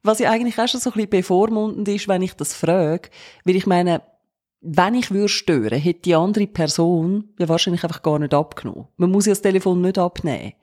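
A woman's voice: lowish voice, a little fast, darkish tone. Playful Swiss woman podcast host. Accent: Swiss German. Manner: playful, acts out quoted voices. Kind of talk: casual podcast chat.

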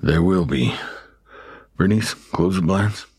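A brusque, commanding sheriff voiced by a man with a very deep, husky voice. He sounds worn out and impatient, and the recording is dry and close. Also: takes it slowly, darkish tone, no echo, full character voice. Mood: gruff. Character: gruff, tired middle-aged male sheriff.

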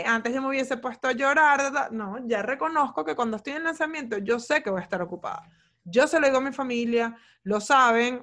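A woman's voice: on the high side, pushed and bright. A woman, a podcast host coaching her listeners in a casual talk, often checking in with "ok?". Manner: chatty, frequent "¿ok?" check-ins, varied pace.

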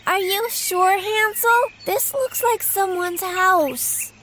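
A man's voice: very high voice, fairly even intonation, slow pace, bright, forceful tone, slight background noise, voice pushed up, exaggerated voice. A man doing a frightened little girl. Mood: worried. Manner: worried, pleading.

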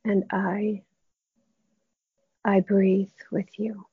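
A woman guiding a meditation in a soft, hushed, spa-like near-whisper, gently and with long pauses, her voice breathy and husky. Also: mid-range voice, monotone, no echo. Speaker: meditation guide. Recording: dull, muffled, dry close recording.

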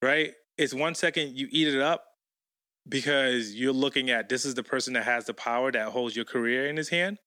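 An American man, a guest, telling a story in a casual interview with slangy, animated talk and many restarts. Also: medium pitch, normal speed, clean tone, dry recording, studio quality. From United States.

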